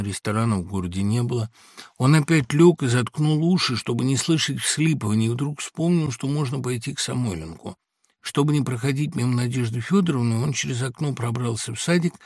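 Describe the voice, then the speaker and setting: A man narrating a classic story as an audiobook, reading in a measured, dramatic way. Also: medium pitch, darkish tone, dry recording, clean studio sound.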